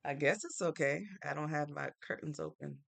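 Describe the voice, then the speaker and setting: A woman from Norwalk, Connecticut, in the United States hosts a live stream, chatting casually and answering viewer comments as she thinks aloud in an easygoing way. Her voice is low, a bit bright, creaky, and a little fast.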